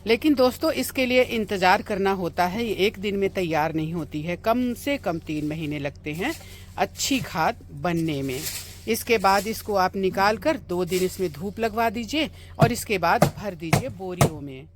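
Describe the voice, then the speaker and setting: A woman hosts a casual gardening vlog outdoors in her home garden, in a mid-range voice that is neither high nor low. She talks her viewers through the work step by step in a chatty manner. There is a light hiss behind her. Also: normal speed. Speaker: gardening vlogger.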